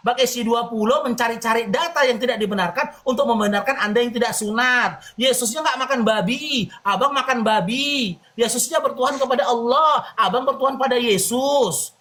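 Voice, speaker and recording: Forceful woman debate host. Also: on the high side. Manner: forceful, rhetorical, punchy repeated contrasts. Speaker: live-stream debate host. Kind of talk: heated religious debate on a live stream.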